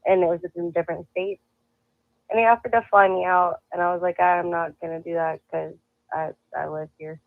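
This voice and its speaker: A woman with a lowish, fairly quick voice and some vocal fry is a guest in a casual chat, telling a story with lots of laughter and acting out what people said. She's animated throughout. The audio is dry with no room sound, yet tinny, like a phone call.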